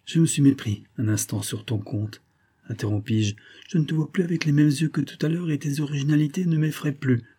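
Husky-voiced man narrating a novel. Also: a little high, a little fast, warm tone. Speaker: audiobook narrator. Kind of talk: literary audiobook narration.

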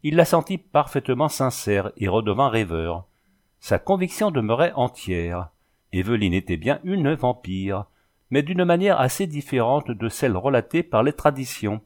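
A man narrating a literary novel as an audiobook in a measured, expressive reading. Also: mid-range voice.

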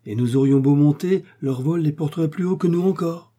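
Man doing a high, urgent explorer doctor barking orders. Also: a little fast, close to an everyday voice. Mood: grave. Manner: urgent shouted commands. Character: bold male explorer doctor in danger.

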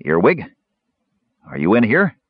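Storybook warrior: big, gruff and exasperated, blunt and grumbling, with a husky voice, as a male narrator plays him. Dry, dull recording. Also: low voice, big pitch swings, moderate pace, no echo, full character voice.

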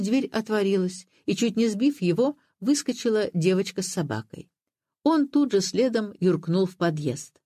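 A narrator reading a literary story in a calm, measured way. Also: medium pitch, no echo, clean studio sound.

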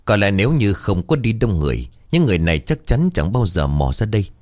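A man narrating a ghost story in a dramatic, expressive way. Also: lowish voice, fast.

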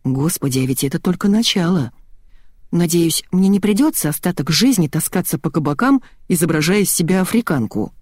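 A woman reads a first-person novel aloud with lively, expressive delivery. Her voice sits low for a woman but moves over a wide range. The sound is close and dry, with no room. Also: fairly quick, slightly rough, no echo. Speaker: audiobook narrator. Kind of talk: first-person audiobook narration.

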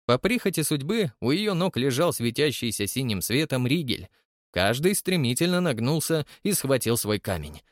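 A male narrator with a lively, swinging pitch and dramatic delivery, reading an adventure novel. He is heard close to the mic in a dry, deadened sound. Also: moderate pace, dry recording. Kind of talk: expressive audiobook reading.

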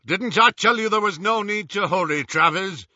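A man voicing a brutal, sneering dark wizard in an audiobook, with a rough, menacing, mocking delivery. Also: high voice, normal speed, no echo, highs cut off, pitched above the performer's own voice, heavily acted. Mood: scornful.

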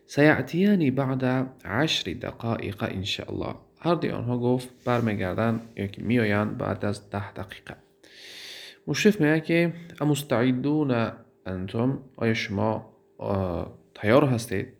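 A man with a Tajik accent teaching a grammar lesson. He drawls out word forms, asks questions and answers them himself, and pauses on fillers. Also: mid-range voice, lively intonation, gravelly. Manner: drawls out word forms, repeats them slowly, then translates. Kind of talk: classroom lesson.

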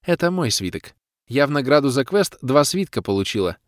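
A man voicing a young female adventurer who calmly explains a magic scroll. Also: medium pitch, fairly quick, dry recording, studio quality, pitched above the performer's own voice, close to an everyday voice. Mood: explaining. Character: young female adventurer, matter-of-fact spellcaster.

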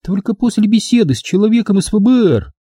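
A man voicing a brisk, cool-headed young woman who answers curtly and brushes people off in an audiobook. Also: high voice, expressive, mellow, breathy edge, dry recording, clean studio sound, pitched above the performer's own voice. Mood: dismissive. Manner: curt, dismissive.

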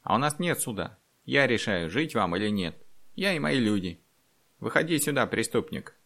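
A man voicing an angry, self-important village elder in an audiobook, shouting accusations. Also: mid-range voice, big pitch swings, moderate pace, gravelly, pitched above the performer's own voice, full character voice. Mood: furious.

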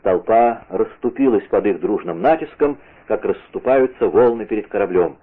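A man's voice: on the low side, lively intonation, normal speed. A man narrating an adventure novel in a vivid, theatrical reading. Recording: tinny lo-fi radio broadcast.

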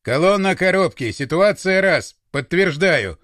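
A man's voice: high-pitched, lively intonation, a little slow, fairly bright tone, no echo, studio quality. A man voicing a terse male military squad commander who speaks in clipped, commanding phrases. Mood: curt.

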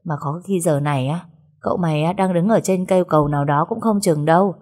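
A clingy, melodramatic young maid, as a woman puts her on wails in a high, quick voice. Every line of this storybook servant girl sounds overwrought. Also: darkish tone, natural voice. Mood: exasperated. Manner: wailing, high and fast. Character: frantic young maid Sen, clingy and dramatic.

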